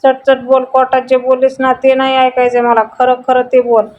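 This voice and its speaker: A woman voicing a scheming, sharp-tongued female office boss who taunts and mocks. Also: high-pitched, monotone, fairly quick, natural voice. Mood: demanding. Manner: taunting, mocking. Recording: dull lo-fi audio.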